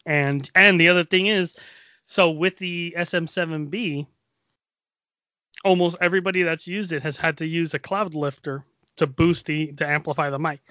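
A man's voice: on the high side, steady tone, normal speed, pushed and bright, no echo, lo-fi sound. A man with a nasal voice chatting casually as podcast co-host, rambling through stories with lots of fillers. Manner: rambling, loose storytelling with many fillers. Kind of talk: casual chat. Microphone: XLR microphone.

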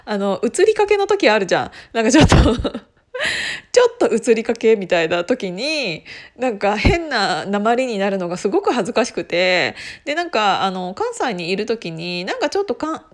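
A woman from Gunma hosting a casual solo podcast, chatting in a loose, chatty way with lots of fillers and frequent laughs. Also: fairly high pitch. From Gunma, Japan. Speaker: podcast host.

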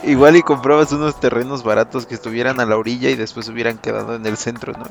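A Mexican man with a creaky voice, co-hosting a podcast in casual, slangy bro banter. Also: mid-range voice, fairly even intonation, quick pace. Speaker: podcast co-host. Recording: prominent music behind the voice. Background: music.

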